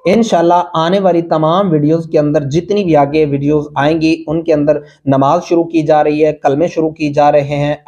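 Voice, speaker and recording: A man's voice: a little high, mellow, lo-fi sound. A man teaching Quran reading, spelling out letters and vowel marks patiently and chanting the words drawn out. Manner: slow, patient drilling, sings recited phrases drawn out.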